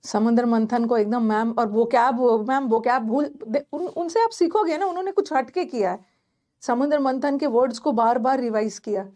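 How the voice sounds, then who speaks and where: High-voiced woman teaching grammar class. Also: normal speed, mellow. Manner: chatty, addresses students directly, frequent fillers and restarts. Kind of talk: online class lecture.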